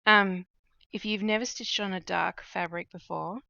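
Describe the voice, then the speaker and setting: A woman's voice: medium pitch, vocal fry, no room sound, highs cut off. A woman chatting casually on a live stream while she stitches at home at night, thinking aloud with lots of fillers, her voice getting a little worn. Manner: relaxed, unhurried, thinking aloud with many fillers. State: starting to lose her voice.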